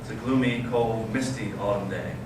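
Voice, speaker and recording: A man with a lowish voice, a steady tone and moderate pace, lightly acted, performs Ivan, an intense intellectual elder brother who is anguished and mocking. In a grim, intense readers theater monologue and storytelling, he swings dramatically from hushed to impassioned. It's recorded on an echoey stage with a distant mic and clear noise.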